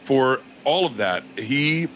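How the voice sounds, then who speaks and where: A blunt, opinionated man in casual conversation, with an ordinary mid-range voice. He swears and restarts his thoughts as he goes. Steady noise sits clearly behind him. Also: mid-range voice, measured pace. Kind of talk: casual chat. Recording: noisy background.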